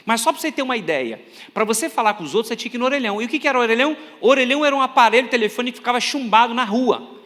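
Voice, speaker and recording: Fast-talking Brazilian pastor in a hall. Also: male voice, very high voice. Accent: Brazilian Portuguese. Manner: animated, joking, acts out voices in anecdotes. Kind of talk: humorous sermon storytelling. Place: large church hall. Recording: echoey church hall with long reverb.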